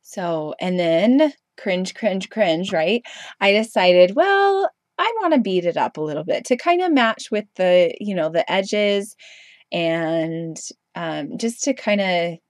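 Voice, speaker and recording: Congested from a cold, a young craft video host talks over her footage in a medium-pitched voice. She's chatty and rambling, full of ums and self-corrections, and the recording is clean studio sound with no room noise.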